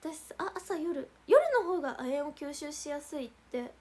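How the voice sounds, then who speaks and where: A woman's voice: high-pitched, unhurried, a little mellow, slight background noise. A young woman hosting a casual idol livestream, chatting and reading out viewer comments with frequent giggles.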